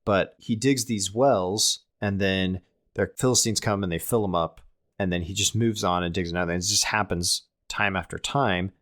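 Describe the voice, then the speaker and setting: A man's voice: low-pitched, steady tone, moderate pace, a bit bright. A man co-hosting a casual scripture discussion podcast, talking thoughtfully and often restarting and repeating words as he works through a point. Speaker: podcast co-host.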